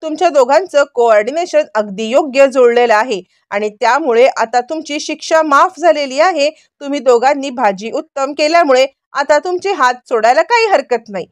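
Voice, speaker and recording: Lady doing a bossy little girl, high voice, dry close sound. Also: lively intonation, moderate pace, hardly any pauses, dry recording. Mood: playful. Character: young girl, playful and demanding.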